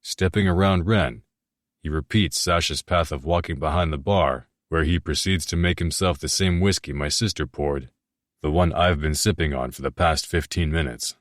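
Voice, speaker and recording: A man narrating a romance audiobook in the first person, in a steady, measured reading. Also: very deep voice, dry recording, clean studio sound.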